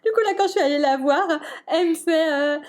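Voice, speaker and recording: A young woman chatting casually and excitedly as a book vlogger, full of fillers and restarts. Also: very high-pitched, brisk. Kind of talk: casual chat.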